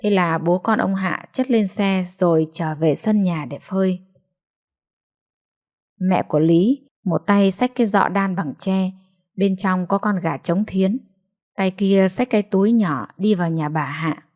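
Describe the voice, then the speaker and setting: A woman narrating a family story in a steady, measured storytelling voice. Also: medium pitch. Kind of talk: scripted narration.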